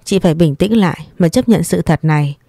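A woman voicing a caring young man in a spoken story, talking in a soft, soothing, patient way. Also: fairly low pitch, fairly quick, no room sound, studio quality. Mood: gently coaxing.

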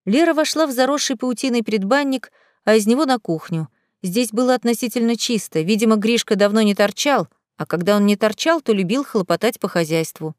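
A woman narrating an audiobook chapter in a lively, expressive reading. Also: on the high side, fairly quick, no echo. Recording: dry close studio sound.

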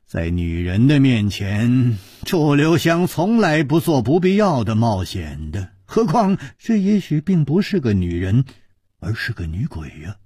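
A man's voice: mid-range voice, huge pitch swings, measured pace, warm tone, breathy edge, no room sound, clean studio sound. A man narrating a martial-arts story in a dramatic traditional storytelling style, with asides to the listener. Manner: dramatic, with rhetorical asides and sighs.

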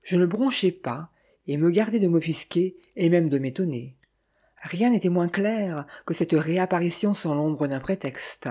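A woman reads a period detective novel aloud at a measured, steady pace. Her voice is low and mellow, slightly husky, with a soft, darkened tone. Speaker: audiobook narrator. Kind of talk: scripted audiobook narration.

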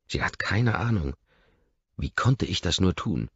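A man's voice: low-pitched, lively intonation, measured pace, a bit bright, slightly rough, no echo, lo-fi sound. A man narrating a first-person audiobook, with a brooding inner-monologue manner.

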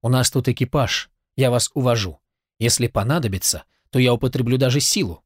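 A man reading the lines of an affectionate, playful young woman in a storybook, lively and chattering. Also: mid-range voice, a little fast, slightly rough, dry recording, studio quality, natural voice. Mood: chatty, affectionate.

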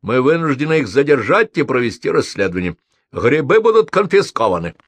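A man reading a story aloud and voicing an officious, condescending police sergeant in a flat, bureaucratic tone. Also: mid-range voice, fairly quick, dry recording, voice pushed up.

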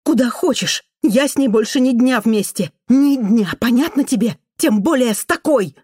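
A reader voicing an irritated woman in an audiobook, reproaching her husband in a low, angry voice. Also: animated, normal speed, darkish tone, slightly rough, no echo, clean studio sound. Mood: resentful. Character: bitter irritated wife arguing in a hiss.

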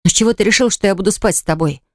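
A man's voice: high voice, rapid-fire, dry recording, lightly acted. A man reading an audiobook, voicing a defiant, indignant young pregnant woman in a raised, heated voice. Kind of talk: audiobook character voice. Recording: dry close studio recording.

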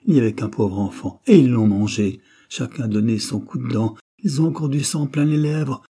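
A man's voice: medium pitch, lively intonation, normal speed, warm tone, husky, pitched above the performer's own voice. A man voicing a frenzied old woman mad with terror in an audiobook reading, pleading and shrieking wildly. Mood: furious cursing.

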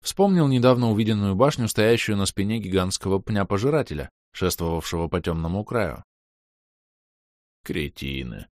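A man reading a fantasy novel aloud in a wry, lively storytelling manner. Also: fairly low pitch, fairly quick, few pauses, no room sound, clean studio sound. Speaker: audiobook narrator. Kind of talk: scripted narration.

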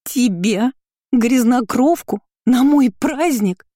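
A woman's voice: lowish voice, fairly even intonation, moderate pace, mellow, dry recording, clean studio sound, lightly acted. A woman reading an audiobook voices a spiteful, haughty young noblewoman who speaks with open contempt. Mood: sneering. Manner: sneering, contemptuous. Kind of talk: audiobook character voicing.

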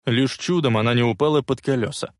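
A man narrating an audiobook with expressive storytelling delivery. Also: medium pitch, fairly quick, dry recording, clean studio sound. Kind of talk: dramatic audiobook reading.

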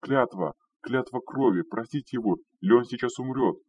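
A man's voice: sits low, fairly even intonation, normal speed, darkish tone, husky. A man voicing a loyal male retainer who pleads and speaks hesitantly, recorded distant and dull. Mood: desperate pleading.

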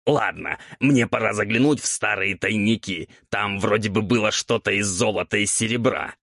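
A man's voice: on the low side, normal speed, creaky, fairly bright tone, no room sound, studio quality. A man voicing a playful, sly male ghoul mentor who teases his pupil, in an audiobook. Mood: practical. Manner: teasing, amused. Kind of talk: audiobook character voice.

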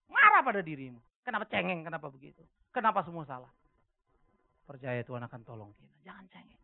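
A man preaching a sermon as pastor, animated, swinging from soft musing asides to loud emphatic shouts. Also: fairly high pitch, quick pace, vocal fry, phone-quality sound.

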